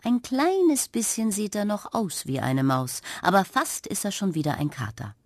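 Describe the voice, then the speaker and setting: A woman narrating a children's radio story, with a gentle, expressive way of telling it. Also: mid-range voice, moderate pace, no echo, clean studio sound.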